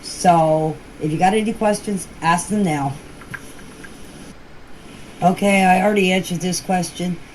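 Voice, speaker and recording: Speaking a little slowly with long pauses, a woman with a fairly low voice answers questions in a group chat. Her informal voice messages are emphatic, repetitive, and grammatically casual, and the recording is noisy.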